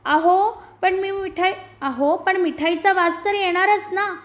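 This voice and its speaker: Lady teacher doing a clever little village girl, high voice, bit indignant, storybook reading. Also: fairly even intonation, slow pace. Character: clever young village girl, bold when pushed.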